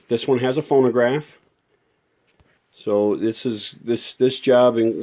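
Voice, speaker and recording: Low and mellow, this man's voice carries a relaxed, improvised repair walkthrough for his radio restoration video, full of rambling, homespun explanation.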